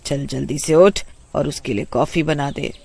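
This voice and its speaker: A man's voice: fairly high pitch, moderate pace, vocal fry, darkish tone. A man doing a nagging old mother-in-law. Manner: nagging, whiny, wailing.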